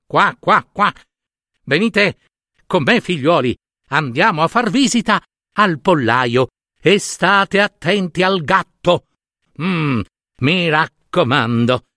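A man voicing a protective, proud mother duck in a storybook reading, with a high sing-song quacking manner. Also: animated, slow pace, pushed and bright, no echo, clean studio sound, heavily acted. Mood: coaxing.

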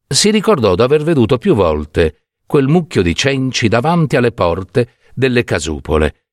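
A man narrating a classic short story in an expressive, theatrical reading. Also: medium pitch, normal speed, no room sound, clean studio sound.

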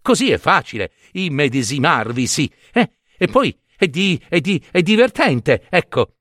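A man's voice: a little high, sing-song, unhurried, a bit bright, no echo, studio quality, exaggerated voice. A man voicing a proud, genteel female clay pot telling a story about her youth. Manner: genteel, self-satisfied storyteller.

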